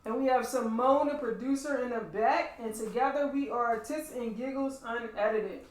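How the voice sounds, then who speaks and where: A woman's voice: on the high side, normal speed. A woman co-hosting a casual podcast chat, playful and teasing. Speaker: podcast co-host. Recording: roomy, echoey sound from a distant mic.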